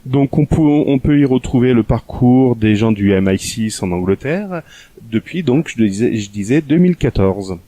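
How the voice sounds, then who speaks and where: A man co-hosting a casual tech news podcast, wry and quick to laugh, teasing his co-host. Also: medium pitch, lively intonation, warm tone, dry recording.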